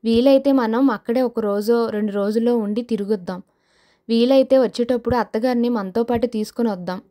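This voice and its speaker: A young wife in a storybook drama, firm and insistent in how she puts things, as a woman narrator voices her. The voice is fairly high and direct. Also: fairly quick, dark tone, lightly acted.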